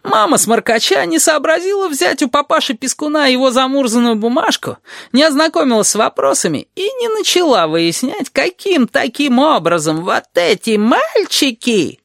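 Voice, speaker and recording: A reader plays a sour, sarcastic male teacher who grumbles on at length and gets more heated. His delivery rises high and swings widely. It is recorded close and dry. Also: sing-song, moderate pace, a bit bright, dry recording. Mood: grumbling. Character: gloomy, sardonic male teacher called the lizard. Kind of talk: audiobook character voice.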